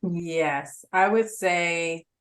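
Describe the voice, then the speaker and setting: A woman's voice: on the low side, drawn-out words. A young woman talking as a guest in a casual interview, easygoing and a little modest. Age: young adult.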